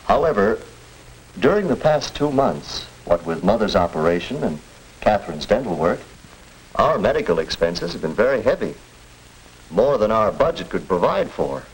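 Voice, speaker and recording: A man's voice: on the low side, very animated, rough recording. An actor playing a reasonable middle-aged father in a formal, stagey 1940s educational film. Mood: serious, concerned. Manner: formal, deliberate. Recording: hissy 1940s film soundtrack.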